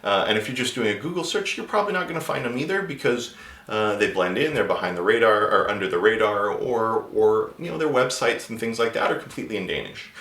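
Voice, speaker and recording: A native English-speaking man gives casual job-search advice in a vlog, talking quickly with lively intonation. His voice is lowish and fairly bright, and the room sounds spacious. He's conversational, frequently restarting sentences and using lots of filler words.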